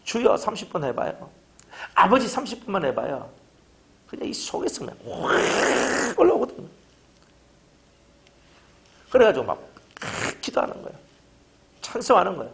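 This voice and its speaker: Middle-aged male pastor, fiery sermon delivery, animated pitch. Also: moderate pace, creaky, long pauses. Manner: fervent, hammering rhetorical questions.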